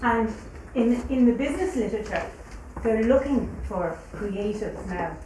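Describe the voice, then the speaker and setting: A woman academic giving an unscripted, halting comment at a conference, recorded at a distance in an echoing, noisy room. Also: on the high side, expressive, mellow. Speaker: business academic.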